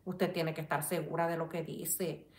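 Speaking with a deep voice and flat delivery at a moderate pace, a woman runs a casual live-stream chat from an echoey room. She reads out viewer comments, defends herself indignantly, addresses a rival head-on, and uses religious phrasing, praying for her audience.

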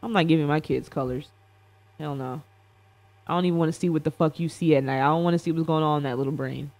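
His voice a little high and darkish, with fairly even intonation, a young man talks fast as he reacts casually on stream and banters with chat in informal slang. Faint background music plays in his indoor streaming setup.

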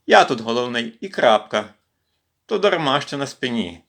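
A man from western Ukraine reading poems aloud in an expressive recitation during a home livestream. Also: medium pitch, normal speed, vocal fry. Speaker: poetry reader in a volunteer series. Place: at home with his cat.

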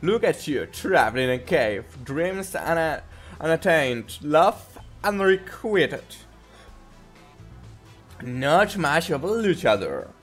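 A man voicing a villainous woman who taunts a trapped hero, reading game dialogue aloud. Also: a little high. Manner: taunting, mocking.

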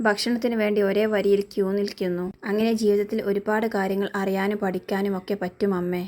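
A woman's voice: mid-range voice, level tone, a little fast, natural voice. A woman retelling a grieving jailed son. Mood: consoling. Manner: plain retold speech, gentle. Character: young man, son home from jail, tearful.

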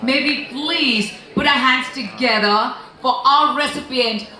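A woman's voice: high voice, slow pace, pushed and bright. A woman with an Indian accent hosting an awards show, announcing effusively and emphatically from the stage. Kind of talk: exuberant stage announcing, drawn-out name calls. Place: large indoor stage at a podium. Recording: very echoey hall PA, music behind.

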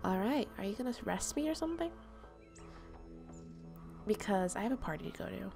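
A woman's voice: medium pitch, expressive, fairly quick, gravelly, over music. A woman voicing a sarcastic, restless young female cat in a game, with a slightly raised voice.

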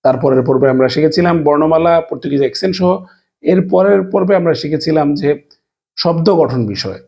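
Gravelly Bangladeshi man teaching a lesson. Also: fairly high pitch, a little mellow. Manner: explains slowly, spells out letters, frequent fillers. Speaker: language teacher. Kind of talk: casual spoken lesson.

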